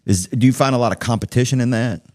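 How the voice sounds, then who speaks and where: A man's voice: mid-range voice, fast, darkish tone, no room sound. A man hosting a studio podcast interview, chatty and affirming toward his guest. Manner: affirming, chatty, keeps saying "yeah". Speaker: podcast host. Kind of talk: casual interview talk. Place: recording studio.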